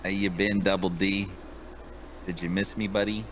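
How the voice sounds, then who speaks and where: Deep-voiced teasing podcast co-host man. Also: little pitch movement, moderate pace. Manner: teasing, playful banter. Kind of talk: casual chat. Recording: clear background noise.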